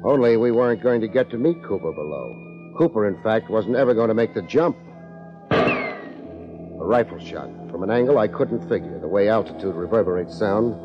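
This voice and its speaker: A man's voice: on the low side, huge pitch swings, normal speed. A man narrating and acting as a hard-boiled detective in an old radio mystery, in a terse, clipped manner. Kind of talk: 1950s radio drama narration. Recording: dull old radio broadcast with music.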